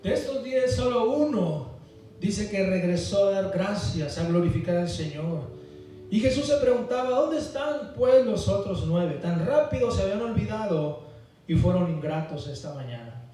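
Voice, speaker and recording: A man's voice: high-pitched, expressive, normal speed, mellow, faint music behind. A man preaching a Sunday school sermon, emphatic and calling the congregation for amens. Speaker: pastor. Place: church hall. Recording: echoey church hall, mic far off.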